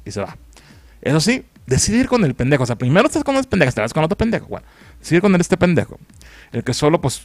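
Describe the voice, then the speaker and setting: A man's voice: mid-range voice, no echo. A man with a Mexican accent giving a crude, mocking, slang-filled comedic film recap. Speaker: film critic.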